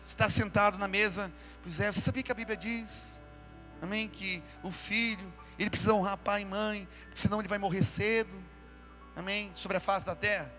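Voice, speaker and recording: A man's voice: high voice, steady tone, a little fast, pushed and bright, soft background music. A man preaching a fervent sermon in church, calling out to the congregation and asking them to repeat after him. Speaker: pastor. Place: church during a live service.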